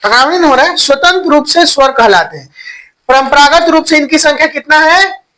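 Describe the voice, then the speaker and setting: A man with a very high-pitched, bright, forceful voice teaches a Hindi grammar class online, talking a little fast. He poses questions to students and answers them himself, repeats key points, mixes in English words, and stretches vowels when demonstrating sounds. The recording is low quality.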